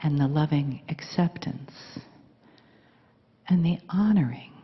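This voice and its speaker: A woman leading a guided meditation in a soft, breathy, soothing half-whisper. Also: low-pitched, takes it slowly. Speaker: meditation leader. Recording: dull recording in reverberant hall.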